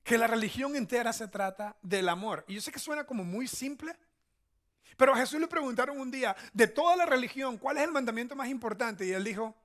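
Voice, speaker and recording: A Venezuelan-accented pastor gives a conversational teaching sermon, often checking in through short tag questions. His voice is very high-pitched and fairly bright, with lively intonation and a fairly quick pace.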